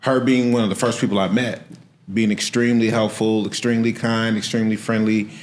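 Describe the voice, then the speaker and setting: Pastor guest from Chicago, man, low relaxed voice, chatty and easygoing with frequent laughs. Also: a little fast. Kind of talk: casual interview chat.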